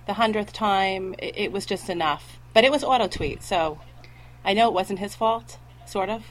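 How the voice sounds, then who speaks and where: A woman guest on a fan podcast, talking in an easygoing, measured casual chat. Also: mid-range voice, rough recording. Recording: faint background noise.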